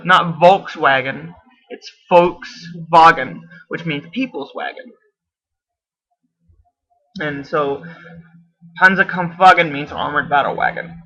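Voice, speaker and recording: A man with a very sharp, tense voice, a little higher than most, talks casually to the camera. He rambles and keeps correcting himself as he explains. The sound is dull and lo-fi. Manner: rambling, self-correcting, unsure of details. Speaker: video responder.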